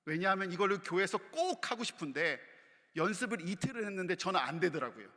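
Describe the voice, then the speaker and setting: A male pastor preaches in a relaxed, conversational way that slips into storytelling. His voice is bright and a little high. Long reverb from the sanctuary trails behind him. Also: quick pace. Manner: conversational, warm-humored storytelling. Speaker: senior pastor. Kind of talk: sermon. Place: church sanctuary.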